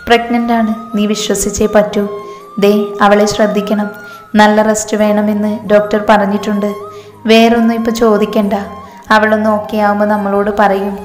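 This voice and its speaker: A woman voicing a calm, caring young husband, speaking in a gentle, reassuring way. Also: medium pitch, moderate pace, natural voice. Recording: echoey reverberant room, faint music.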